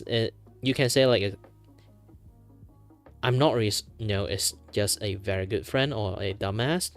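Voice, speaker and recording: Animated, rambling male livestreamer over music. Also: lowish voice. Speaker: livestream host. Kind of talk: casual livestream chat.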